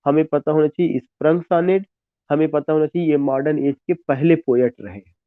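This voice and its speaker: A man's voice: on the high side, dry recording. A man with an Indian accent giving an exam-prep literature lecture, switching between Hindi and English, repeating points and spelling words letter by letter. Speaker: teacher. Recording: tinny phone-like dry sound.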